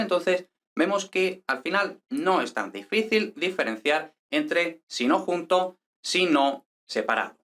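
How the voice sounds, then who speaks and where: A man gives a patient grammar lesson, often asking "¿vale?" and reading example sentences slowly with stress. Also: on the high side, fairly bright tone. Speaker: Spanish grammar teacher.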